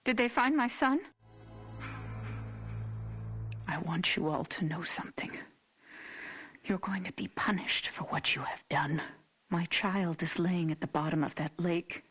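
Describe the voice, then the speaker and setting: An unhinged, vengeful American mother in a dramatic horror game. Her voice is husky and curt, heavy with grief and menace. It comes through a dull, muffled old tape. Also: on the low side, moderate pace, few pauses. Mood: anguished fury. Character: unhinged, grieving, vengeful mother of a lost boy. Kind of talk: dramatic game voice acting as a taped police interview.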